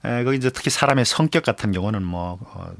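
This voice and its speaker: A man speaking as an expert guest on radio, explaining at length in a measured way with many pauses and fillers. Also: mid-range voice, lively intonation, no room sound.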